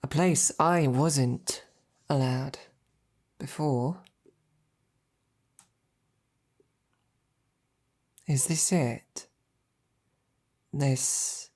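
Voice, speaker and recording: In an intimate scripted audio roleplay, a woman voices a devoted female royal knight in a full character voice, delivering a monologue to the listener as her beloved princess. Her voice is low and soft-edged, slow, hesitant, and halting. The tone is tender, softly earnest, and gently teasing.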